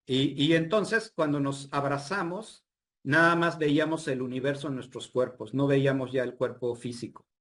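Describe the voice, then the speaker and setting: A man's voice: medium pitch, moderate pace. A man casually telling a personal story, animatedly acting out the dialogue with frequent fillers. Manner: animated retelling with quoted dialogue, many fillers. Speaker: guest storyteller.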